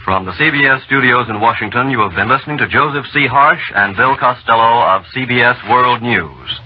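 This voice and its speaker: A man's voice: mid-range voice, expressive, a little fast. American man, grave 1940s wartime network announcer, muffled and really hissy old radio.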